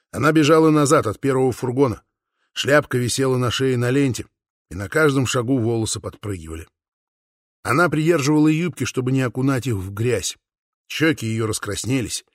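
A man reading an adventure novel aloud in a steady storytelling manner. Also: mid-range voice, dry recording, studio quality. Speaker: audiobook narrator. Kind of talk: scripted narration.

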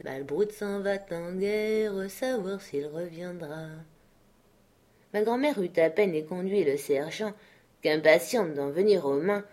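A woman reading a classic novel aloud as an audiobook, in a measured and expressive storytelling manner. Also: low voice. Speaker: audiobook reader. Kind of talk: literary narration.

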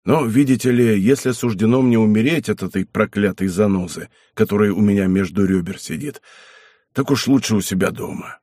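A man voicing an old ailing knight in an audiobook, speaking slowly and heavily, softened by emotion, with a husky voice. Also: fairly low pitch, dry recording, studio quality, pitched below the performer's own voice. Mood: weary. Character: old ailing male knight, weary and stubborn. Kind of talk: audiobook character reading.

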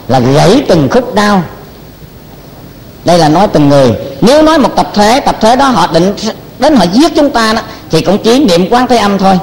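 An older man, a Buddhist monk teacher telling stories in a sermon, animated and repeating words as he acts out what people said. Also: high voice. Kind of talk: storytelling sermon. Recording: long hall reverb.

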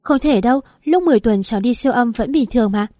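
Woman doing a shrill, sharp-tongued young wife. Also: quick pace, no echo, studio quality, close to an everyday voice. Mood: distraught. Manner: shouting, rude.

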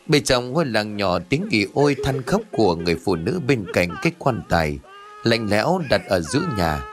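Male horror audiobook narrator, lowish, lively delivery, soft music under. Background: faint music.

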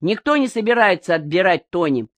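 A woman's voice: on the low side, lively intonation, brisk, no room sound, voice pushed up, close to an everyday voice. Woman reading a curt dismissive official. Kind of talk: audiobook character reading.

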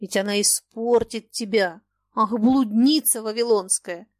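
Woman doing a cranky old merchant man, high and shrill, mocking, wheedling, dry storybook sound. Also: measured pace, dry recording. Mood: scolding.

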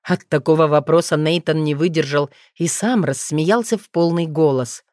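A woman with a low voice reads a fantasy novel aloud as an audiobook. Her telling is even and measured. The recording is dry and close. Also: no room sound. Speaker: narrator. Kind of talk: audiobook narration.

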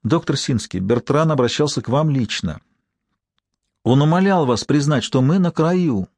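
A man's voice: mid-range voice, animated, moderate pace, no echo. A man voicing a bitter young woman with a faltering voice. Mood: impassioned. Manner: quiet, faltering, growing indignant. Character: bitter, impassioned woman in her early thirties.

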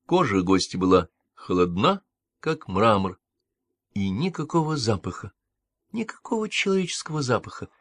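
An audiobook narrator, a man with a lowish voice, reads a novel in a measured and expressive storytelling style. It's scripted literary narration, recorded dry with clean studio sound.

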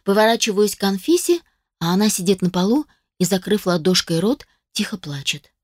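A woman's voice: mid-range voice, animated, a little fast, darkish tone, no echo, studio quality. Sardonic woman reading a novel aloud. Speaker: audiobook narrator. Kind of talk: first-person novel narration.

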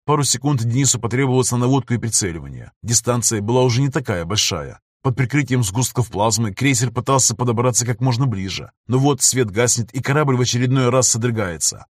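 A man's voice: medium pitch, expressive, fast, hardly any pauses, no echo. Male audiobook narrator, dry close sound. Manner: voices the crew's shouted commands.

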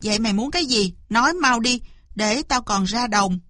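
A woman voicing a gruff, impatient older male farmer in a storybook reading. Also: a little high, lively intonation, normal speed, sharp tone, dry recording, clean studio sound. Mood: grumbling. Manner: blunt, grumbling.

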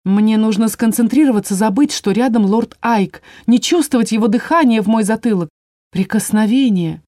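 A woman narrating a first-person fantasy story in an even storytelling manner. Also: a little high, normal speed, dry recording, clean studio sound. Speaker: audiobook narrator.

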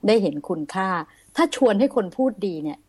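A woman hosting a radio talk show on Buddhist teaching, speaking politely and formally with soft courtesy particles. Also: mid-range voice, animated, fairly quick, no echo. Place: radio studio.

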